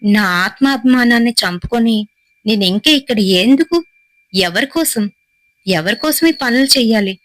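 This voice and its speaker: A woman's voice: on the high side, normal speed, fairly bright tone, no echo, lightly acted, poor audio. Woman voicing a bitter, wronged young wife. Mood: resolute. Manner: bitter, heartfelt first-person telling.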